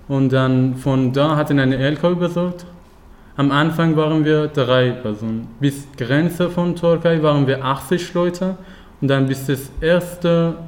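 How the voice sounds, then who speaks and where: A nineteen-year-old man from Afghanistan, not a native German speaker, telling his own story at a talk in halting German with many fillers and restarts. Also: mid-range voice, a little mellow. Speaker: guest speaker. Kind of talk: personal account at a talk.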